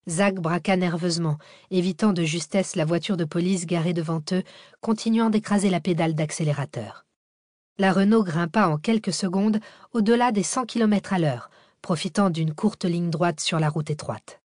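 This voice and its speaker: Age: adult. Sex: woman. Style: low-voiced audiobook narration. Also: normal speed, darkish tone, dry recording, studio quality. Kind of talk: scripted narration.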